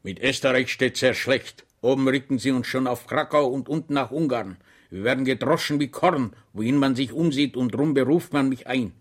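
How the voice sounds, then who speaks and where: A man's voice: mid-range voice, moderate pace, natural voice. A man voicing a good-natured, bumbling middle-aged soldier, bedridden with rheumatism, who talks with solemn cheer and bellows war songs. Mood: earnest.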